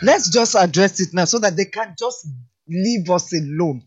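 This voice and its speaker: A man in his fifties, co-hosting a radio show with teasing, animated banter. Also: high-pitched, normal speed, slightly rough, lo-fi sound. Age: 50s. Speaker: radio co-host.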